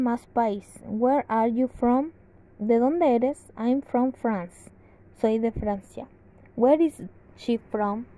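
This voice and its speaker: A woman reading an English grammar lesson aloud from a textbook, slowly and carefully with pauses. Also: fairly high pitch. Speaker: English teacher. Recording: dull lo-fi sound.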